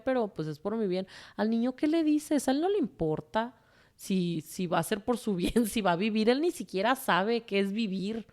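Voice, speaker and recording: A woman's voice: mid-range voice, a little mellow. A woman with a Mexican accent, a guest telling her personal story in a candid, emotional way, swearing freely and rambling with fillers. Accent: Mexican Spanish.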